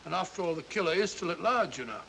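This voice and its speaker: An actor playing a fussy, genial, bumbling older English gentleman doctor in vintage mystery film style. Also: high-pitched, animated, fast talker, vocal fry, full character voice. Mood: apologetic. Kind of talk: 1940s mystery film acting. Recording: very noisy vintage film soundtrack.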